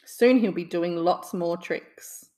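A woman's voice: lowish voice, takes it slowly, dark tone. An eager young cartoon duck boy, read by a woman in a bedtime storybook. He pleads and enthuses about getting a dog. The voice stays close to a plain reading voice.

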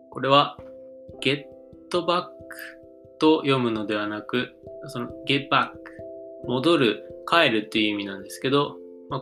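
Bright-voiced man explaining English pronunciation tips. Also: mid-range voice. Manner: relaxed, thinking aloud with fillers. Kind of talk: casual solo explainer talk.

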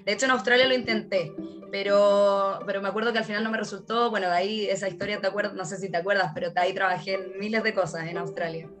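With music behind her, a woman from Chile chats as a guest, recounting her story through frequent laughs and fillers in her Chilean Spanish accent. Her medium-pitched voice moves quickly and stays fairly even.

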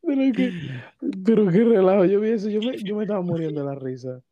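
A man's voice: high voice, fast, warm tone, no room sound, dull audio. A man co-hosting a casual podcast, recounting a story with amusement and laughter. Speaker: podcast co-host. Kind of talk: casual chat.

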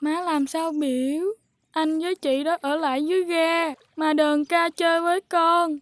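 Give me a spoiled little boy, whining and tearful in a very high, squeaky voice from a storybook reading. Dry, close sound with no room around it. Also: flat delivery, moderate pace, a bit bright, dry recording. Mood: crying. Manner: crying, pleading.

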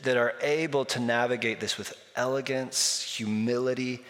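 A man's voice: mid-range voice, steady tone, normal speed, a bit bright, in a large hall. A man preaching a sermon as pastor, in a conversational storytelling way, recorded in a church sanctuary.

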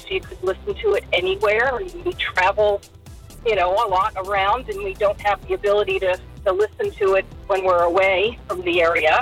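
Husky-voiced woman on a speakerphone. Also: medium pitch, fairly bright tone, low-quality recording. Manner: polite, hesitant, friendly. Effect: heard over a speakerphone line. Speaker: contest winner on a call-in. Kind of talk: casual phone chat.

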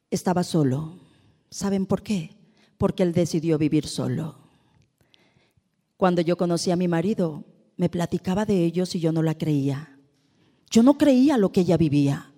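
A middle-aged woman with a Mexican accent gives an expressive motivational talk to a live audience, acting out the people in her stories. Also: mid-range voice. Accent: Mexican Spanish. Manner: expressive storyteller who acts out dialogue. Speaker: presenter and speaker. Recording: long hall reverb.

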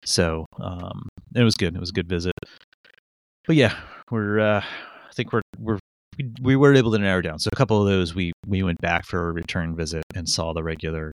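His voice sits low and runs a little fast, with no room sound on the studio microphone. The Connecticut podcast co-host, in his forties, keeps up casual, rambling, self-mocking talk packed with fillers and restarts.

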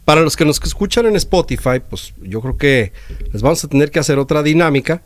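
A man with a Mexican accent co-hosts a casual radio show. His voice sits slightly high for a man, and the sound is dry, with no room around it. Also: lively intonation, brisk, no room sound.

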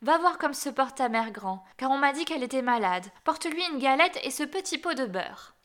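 A woman voicing a caring village mother in a storybook, speaking briskly. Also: high voice, expressive, fairly bright tone, voice pushed up. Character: caring village mother sending her daughter off.

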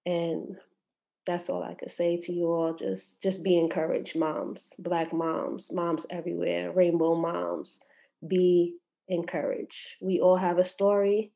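A mother speaking as a podcast guest, giving soft-spoken, faith-filled encouragement. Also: lowish voice, creaky. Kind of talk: heartfelt podcast message.

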